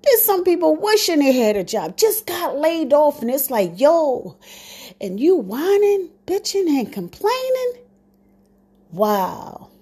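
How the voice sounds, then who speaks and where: A woman's voice: high voice, big pitch swings, slow, dark tone. A woman talking straight to her viewers in a blunt, sassy rant full of slang. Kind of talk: casual monologue to viewers.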